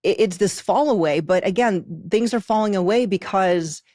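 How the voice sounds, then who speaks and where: Here a Moldovan-born woman, who came to the US at age eight, talks as a podcast guest about her work as an intuitive soul contract reader. She explains things emphatically and checks in with questions along the way. Her dark, mid-range voice moves at a moderate pace, recorded at studio quality without room sound.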